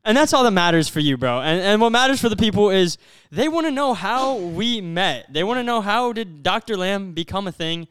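A man's voice: sits high, lively intonation, brisk, fairly bright tone, clear, resonant tone, no echo, studio quality. A young man co-hosting a casual podcast, chatting in a slangy, bro-ish way. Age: young adult. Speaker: podcast co-host. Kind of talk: casual chat.

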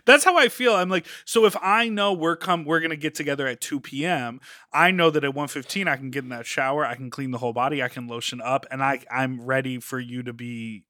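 A man's voice: medium pitch, a little fast, bright, forceful tone, no room sound, studio quality. A man co-hosting a podcast, chatting casually and comedically in a sassy, campy drag-queen manner. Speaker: podcast co-host.

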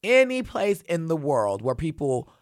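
Podcast co-host guy, kinda high voice, dramatic gossipy storytelling, dry close mic. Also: big pitch swings, measured pace, no echo. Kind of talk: casual chat, reading listener letters.

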